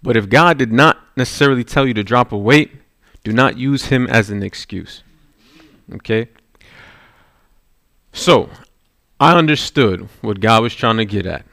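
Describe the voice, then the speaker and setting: A man preaching a sermon in a mid-pitched voice, telling a personal story. He keeps checking in with the congregation, asking "right?" as he goes. The sound is close and dry. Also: lively intonation, unhurried, creaky, pauses often, fairly bright tone, no echo. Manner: storytelling, with rising intensity and repeated "right?".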